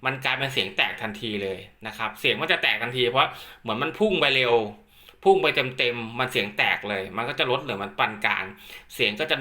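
A man's voice: mid-range voice, sharp tone. A man giving a casual hands-on tutorial, explaining step by step as an instructor. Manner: repetitive polite particles, hands-on explaining. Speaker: instructor demonstrating equipment.

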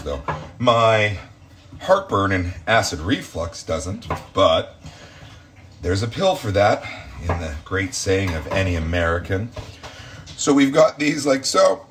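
A man's voice: deep voice, expressive, a little slow, slight background noise. A man hosting a casual cooking demonstration from his home kitchen, chatty and campy, cracking self-mocking jokes as he works. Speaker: home cooking show host.

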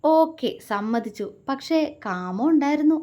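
A woman's voice: sits high, animated, a little slow, mellow, voice pushed up. A woman voicing a young husband in a romance story, playful and affectionate as he teases his wife. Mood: teasing. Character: teasing, tender young husband.

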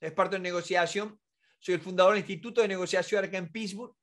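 Speaking fast in a high, steady, slightly bright voice, a man in his forties gives an informal lecture to camera. He is a negotiation expert and instructor from Córdoba, Argentina, with an Argentine Spanish accent, seated at a desk indoors and emphatic, with plenty of rhetorical questions.

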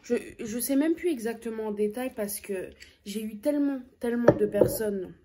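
Eating on camera in a small room, a young female food vlogger sits close to the lens and chats through a story with many hesitant fillers. Her voice is a little high and her pace moderate, while the audio is very noisy.

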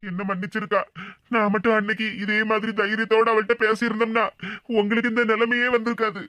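A woman plays a humble younger man of the family in an animated cartoon, with a southern Tamil Tirunelveli-Kanyakumari accent. He speaks in an apologetic, deferential way. The recording is dry and close. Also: fairly high pitch, quick pace, dry recording, natural voice. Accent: southern Tamil, Tirunelveli-Kanyakumari dialect.

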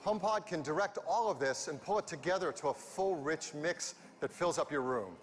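A man's voice: fairly high pitch, lively intonation, normal speed, over music. A man in his fifties giving an enthusiastic keynote product presentation on a large arena stage, speaking into a headset mic. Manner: enthusiastic, walks the stage gesturing. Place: large arena stage before a big audience. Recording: reverberant arena.

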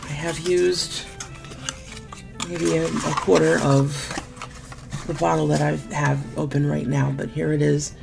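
A beauty vlogger who is sick and losing her voice unboxes makeup in a small room at home, chatting candidly with mild sarcasm over music. Her low, croaky voice has vocal fry and a deep cough, with a level tone, slow pace and frequent pauses. It sounds like a webcam recording of a casual product unboxing chat.

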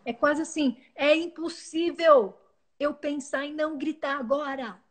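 A woman speaks as a guest in an earnest, reflective way. Her voice sits a little high, and she often breaks off and restarts words mid-phrase. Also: steady tone, measured pace. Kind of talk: reflective spiritual talk.

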